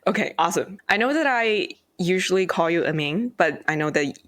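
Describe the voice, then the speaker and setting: Curious podcast host, dry sound. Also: male voice, sits high, expressive, a little fast, fairly bright tone, dry recording. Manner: friendly, curious questioning with light laughter. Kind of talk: casual interview.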